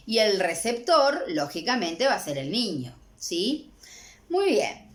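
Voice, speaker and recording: A woman teacher with a Uruguayan accent explaining a lesson to a student, often checking in with a quick "¿sí?". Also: mid-range voice. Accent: Uruguayan Spanish. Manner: warm, checks in with repeated "¿sí?". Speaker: language teacher. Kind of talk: recorded exam-prep lesson.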